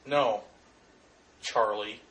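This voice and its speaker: A man chatting casually with friends while watching a video, cracking loud, crude jokes and swearing. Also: on the low side, fairly even intonation, extremely slow, highs cut off. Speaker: commentator. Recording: echoey room, far from mic.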